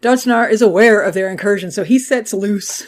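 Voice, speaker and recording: A young adult woman hosting a podcast, recapping a show in casual chat, profane and giggly with quick asides. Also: mid-range voice. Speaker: podcast host.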